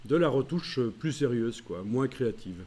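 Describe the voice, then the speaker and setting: Male software trainer, mellow tone, talks through each menu step with frequent hesitations. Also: medium pitch, animated, a little hiss or hum. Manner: walks through menu steps aloud, many "euh" pauses. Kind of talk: screen-recorded tutorial.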